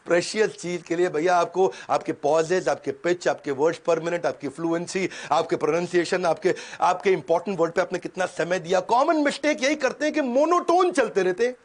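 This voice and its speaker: A man giving an energetic motivational talk, loud bursts and sudden quiet drops. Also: sits high, brisk, few pauses. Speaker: motivational speaker.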